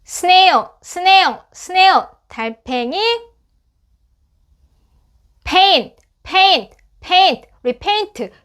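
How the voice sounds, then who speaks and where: Woman, beginner phonics lesson, repeats each word thrice, very slow pace, high pitch. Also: expressive, fairly bright tone. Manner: repeats each English word three times, then gives its meaning. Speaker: English phonics teacher.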